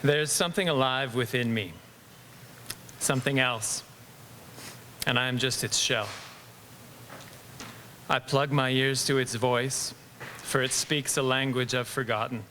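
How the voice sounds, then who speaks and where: A man from Southern Alberta reading his own reflective poem at a live open mic, measured, then wry after. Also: medium pitch, steady tone, bright, forceful tone, a little hiss or hum. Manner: measured, wry between poems. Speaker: poet. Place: small acoustic lounge with live audience.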